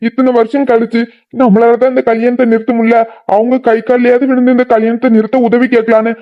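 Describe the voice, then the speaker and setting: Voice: medium pitch, flat delivery, quick pace, narrow, tinny audio, close to an everyday voice. A voice actor playing a remorseful middle-aged father in a cartoon drama, lamenting and blaming himself. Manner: lamenting, self-blaming, then angry.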